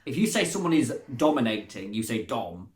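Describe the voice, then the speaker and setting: A man's voice: mid-range voice, sing-song, brisk. A man hosting a casual chat, full of cheeky, teasing banter. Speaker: host. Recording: echoey room.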